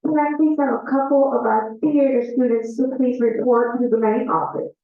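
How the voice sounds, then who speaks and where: Woman, school intercom announcement, high voice, tinny and echoey, distant loudspeaker. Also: steady tone, normal speed, soft background music. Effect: over the school intercom. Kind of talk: public address announcement.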